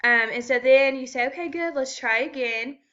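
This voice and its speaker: A woman's voice: high-pitched, normal speed, sharp tone, highs cut off. A woman walking through a children's reading assessment step by step, with frequent ums. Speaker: student teacher explaining an assessment.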